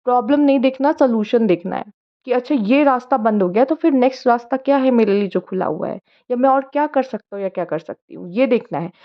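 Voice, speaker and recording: A woman's voice: fairly high pitch, animated, fast talker, highs cut off. A woman giving a casual monthly tarot reading in a chatty, coaxing way, slipping English words into her talk. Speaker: tarot card reader.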